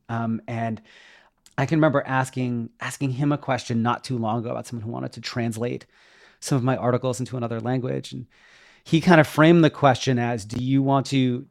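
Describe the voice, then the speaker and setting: Gravelly and mid-range, this man's voice is recorded dry with clean studio sound. He's a middle-aged podcast guest who works as a web developer and educator, musing in an interview with a tentative, self-questioning thoughtfulness.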